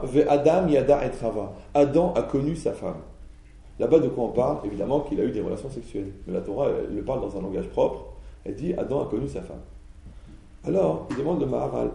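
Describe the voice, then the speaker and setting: A man teaching an audience in a lively way, full of rhetorical questions, playacted dialogues and jokes. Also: medium pitch, creaky, roomy sound, recorded from a distance, a little hiss or hum, low-quality recording.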